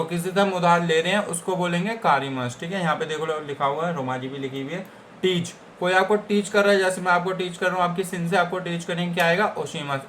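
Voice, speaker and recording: A man's voice: a little high, a bit bright, a little hiss or hum. A man with an Indian accent teaching Japanese vocabulary in a casual lesson, repeating each word and checking in with his listeners. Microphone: computer setup.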